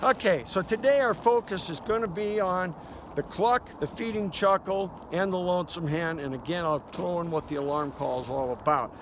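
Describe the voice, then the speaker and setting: A man's voice: sits high, normal speed. An older man with a folksy, conversational manner, giving a casual hunting lesson as a duck calling instructor. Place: outdoors by a river. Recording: noisy outdoor recording with ambience. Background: outdoor noise, duck call quacks.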